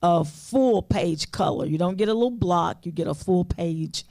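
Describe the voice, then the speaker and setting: A woman's voice: fairly low pitch, moderate pace, gravelly, dark tone, no echo, clean studio sound. A woman author being interviewed on a talk show, speaking earnestly and often of faith and blessing. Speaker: author and guest.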